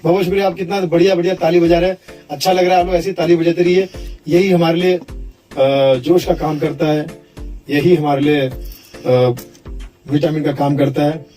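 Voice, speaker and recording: A high-voiced man doing stand-up, quick jokey patter. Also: fairly even intonation, warm tone, soft background music. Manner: brisk joking patter. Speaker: stand-up comedian. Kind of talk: live stand-up comedy.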